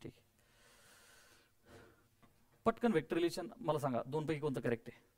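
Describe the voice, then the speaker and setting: A man's voice: a little high, expressive, normal speed, a little mellow. A man teaching physics to a classroom of students, coaxing and quizzing them, mixing English terms in and adding playful sound effects.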